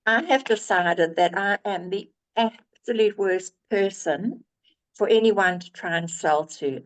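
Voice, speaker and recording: A woman's voice: fairly low pitch, poor audio. A woman of seventy, telling a personal story earnestly and emphatically over a video call, often restarting her words. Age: 70s. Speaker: guest sharing a testimonial. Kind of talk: personal testimony on a group call.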